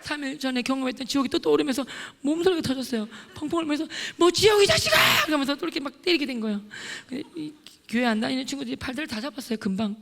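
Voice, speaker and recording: A middle-aged man, a lay deacon, giving an excitable testimony sermon at a church prayer meeting and loudly acting out scenes. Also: very high-pitched, rapid-fire, vocal fry. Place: church sanctuary. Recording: long reverb of a large church hall.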